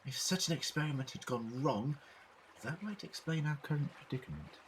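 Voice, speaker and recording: Guy acting eccentric brainy time traveller, theatrical explainer, pitch swinging about, noisy ambience behind him. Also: animated, fairly quick, close to an everyday voice. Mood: pondering. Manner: theatrical, explanatory, precise wording. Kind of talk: fan audio drama acting.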